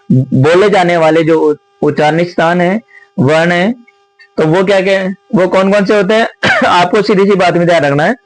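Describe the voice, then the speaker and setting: A man teaching Sanskrit grammar and working through exam questions, explaining slowly, repeating himself and asking his students many rhetorical questions. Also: on the high side, dry recording, rough recording. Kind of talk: exam question walkthrough lesson.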